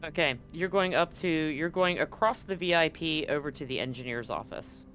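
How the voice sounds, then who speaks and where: Running a tabletop session, this game master describes scenes plainly and casually to his players, making it up as he goes. He talks at a normal pace in a voice on the high side that sounds pushed and bright.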